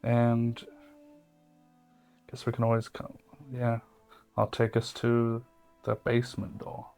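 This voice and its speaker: A man's voice: medium pitch, monotone, slow pace, gravelly, a little mellow, clear, resonant tone, soft background music. A man playing his character in a tabletop game, talking in a rambling, hesitant way with many fillers. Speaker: player. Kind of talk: in-character tabletop role-play.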